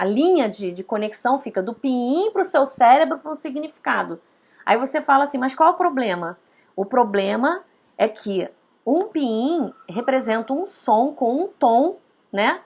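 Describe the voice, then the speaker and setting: A woman teaching a casual online lesson, chatty, often tagging her points with quick questions. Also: sits high. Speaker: Mandarin teacher.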